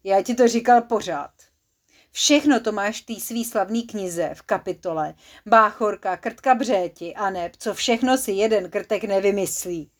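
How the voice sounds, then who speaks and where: A fussy know-it-all mole, voiced by a woman, gently scolding a friend who never believed him. Delivered in a slightly raised, teasing storybook voice. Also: medium pitch, natural voice. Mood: chiding.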